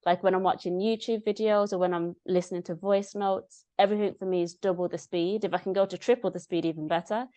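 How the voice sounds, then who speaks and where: A woman's voice: mid-range voice, fast, hardly any pauses, no echo. A young woman, chatting as a podcast guest, telling stories animatedly and quoting others. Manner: animated storytelling, quotes herself and others. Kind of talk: casual conversational interview.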